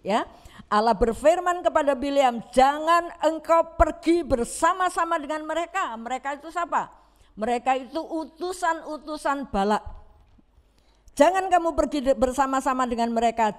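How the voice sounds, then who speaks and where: A middle-aged woman with a Javanese accent preaching a Sunday sermon, telling the story vividly and acting out the quoted lines. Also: fairly high pitch. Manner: lively storytelling, acts out quotes, mixes in Javanese phrases.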